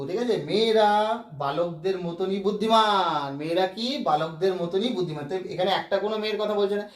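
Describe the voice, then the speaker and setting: Male grammar tutor, high voice, patient step-by-step explainer, recorded at a distance in a roomy space. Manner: explains step by step, often asks "right?". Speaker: English grammar teacher. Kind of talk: Bengali-language grammar lesson. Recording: echoey room, mic at a distance.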